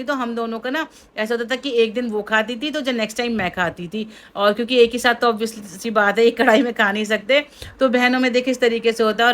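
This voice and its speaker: A young woman hosting a cooking vlog, talking casually and at length to her viewers. She keeps turning to them as friends in an easy, chatty flow. Her voice is bright and clear. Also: a little high. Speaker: cooking vlogger.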